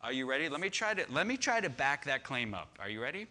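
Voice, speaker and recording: A man's voice: medium pitch, very animated, quick pace, bright, forceful tone. A man preaching a sermon on prayer, emphatic and repetitive, building to fervent crescendos. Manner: emphatic, repeats phrases, rising to fervent crescendos. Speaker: pastor.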